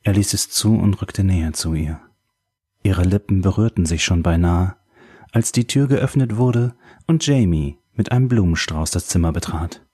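A man calmly narrating a novel as an audiobook reader. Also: low voice, moderate pace, breathy edge. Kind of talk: scripted narration.

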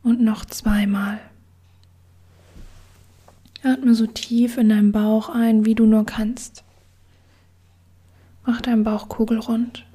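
A woman guiding a relaxation meditation in a soft, soothing whisper. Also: a little high, little pitch movement, takes it slowly, pauses often, slightly rough. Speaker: meditation guide.

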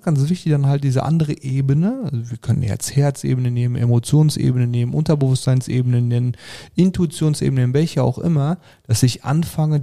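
A man's voice: mid-range voice, vocal fry, warm tone. A man speaking as a life coach, explaining his approach in casual conversation with frequent fillers and restarts. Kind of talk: casual interview talk.

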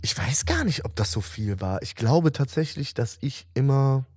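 A man's voice: mid-range voice, lively intonation, moderate pace, darkish tone, breathy edge, no echo, studio quality. A man in his thirties, a musician guest, talking earnestly and reflectively in a casual interview, often restarting his sentences.

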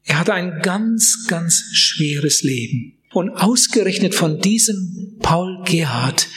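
A middle-aged man preaching a sermon, earnest and measured, slowing down for emphasis and speaking straight to his listeners. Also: high voice, lively intonation, fairly bright tone, big-room sound.

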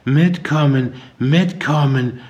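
A man's voice: slow pace, a little mellow, dull audio. A man voicing a deranged, drug-addicted young woman who shrieks and mumbles in an audiobook. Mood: mumbling dazed. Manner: shrill, shrieking, frantic. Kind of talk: audiobook character voice.

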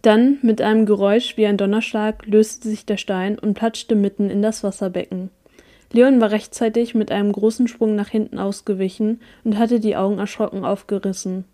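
A woman narrating a first-person story as an audiobook reader, with an even storytelling delivery. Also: mid-range voice, moderate pace.

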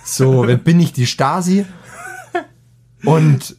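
A teenage boy chatting casually as a podcast co-host, telling a school story in slangy, animated fashion. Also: fairly high pitch, slow pace, husky. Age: teens. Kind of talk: casual chat.

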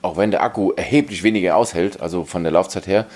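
A man's voice: low-pitched, fast, darkish tone. A man co-hosting a casual tech podcast, explaining in a matter-of-fact way. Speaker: podcast co-host.

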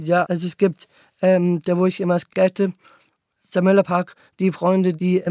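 A young adult man, an aspiring actor, talking earnestly in a casual monologue, halting with many restarts. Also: sits high, warm tone, no echo, clean studio sound.

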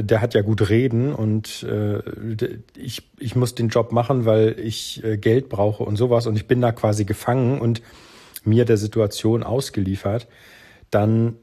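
Male podcast host, solo talk; low, dark and a bit husky, earnest, speaks right to the listener. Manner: earnest, addresses the listener directly, thinks aloud.

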